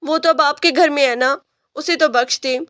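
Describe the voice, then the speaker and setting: A woman's voice: sits high, fairly bright tone, dry recording, studio quality. A woman voicing a frightened young man who pleads for his sister. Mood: pleading. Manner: pleading, fearful.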